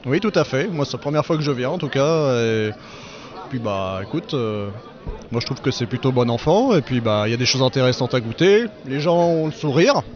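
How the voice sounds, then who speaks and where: A young man from Normandy who works as a vineyard hand, chatting in a relaxed, easygoing way in a festival interview. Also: mid-range voice, crowd noise. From Normandy, France. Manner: relaxed and chatty, quick to laugh. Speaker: vineyard worker. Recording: muffled lo-fi recording outdoors.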